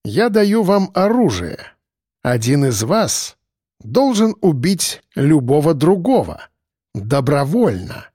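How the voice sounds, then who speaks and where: A man voicing a smug, sadistic male professor who speaks softly, slowly and venomously. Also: a little high, very animated, breathy edge, dry recording, studio quality, heavily acted. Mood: mocking. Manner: soft, slow and venomous.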